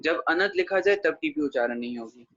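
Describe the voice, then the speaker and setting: A man teaching a pronunciation lesson online, patiently repeating words slowly and checking in with students by name. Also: a little high, lively intonation, a bit bright, no room sound. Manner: patient, repeats words slowly to model pronunciation, says 'theek hai' often; addresses students by name, answering their questions. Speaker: Gurbani grammar teacher. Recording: dull dry lo-fi audio.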